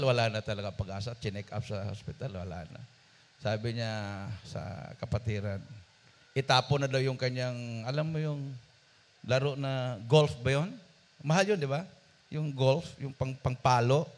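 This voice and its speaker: Animated male preacher telling a story. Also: mid-range voice. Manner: animated, swings between loud emphasis and soft asides; addresses the congregation directly. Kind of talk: sermon storytelling. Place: church service.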